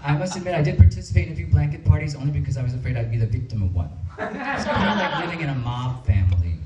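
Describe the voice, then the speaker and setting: A male stand-up comedian with a fairly high, lively voice and a self-mocking delivery peppered with ums and uhs. He is heard from a distance in an echoey club. A crowd laughs along. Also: quick pace, muffled recording, heavy background noise. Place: comedy club with live audience. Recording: roomy stage sound from afar.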